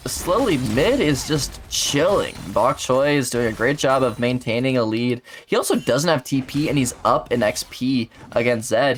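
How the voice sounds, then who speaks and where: A man's voice: mid-range voice, a little hiss or hum. A man giving casual esports color commentary, chatty and loose, full of fillers and gamer slang.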